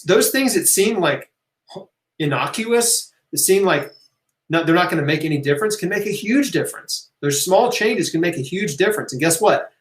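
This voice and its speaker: A fairly high-pitched, fairly bright male voice leads a casual live health Q&A, speaking informally and forcefully while encouraging his audience and repeating key phrases. He checks in conversationally with "right?" and "okay?", and the sound echoes around a roomy space.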